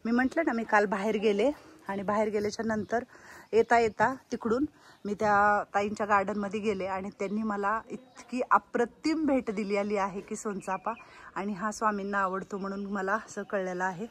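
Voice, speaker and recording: A woman giving a casual walk-around vlog of an old age home she runs, chatting and loudly coaxing the residents. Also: medium pitch, fairly even intonation, normal speed, husky.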